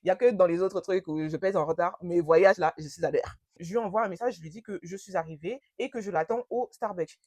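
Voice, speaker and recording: A young woman telling a personal story in a casual, animated way, with slangy and emphatic speech. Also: fairly low pitch, brisk, no room sound, studio quality.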